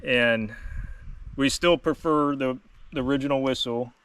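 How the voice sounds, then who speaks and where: A man's voice: medium pitch, a little slow, fairly bright tone, clear, resonant tone, far from the mic. A man giving a casual, plain-spoken instructional product demonstration as host. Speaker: host demonstrating duck calls.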